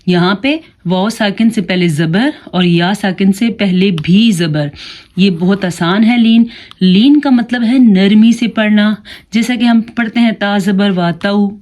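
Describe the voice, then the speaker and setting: A woman teaching beginners to read the Quran, spelling out each Arabic syllable and repeating it slowly, with quick explanations in between. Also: mid-range voice, darkish tone.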